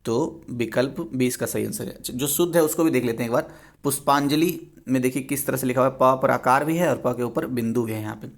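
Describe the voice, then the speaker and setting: Young male language teacher, mid-pitched and conversational, drilling spelling corrections. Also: a little fast. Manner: explanatory, repeats words to correct spelling. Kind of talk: exam revision lesson.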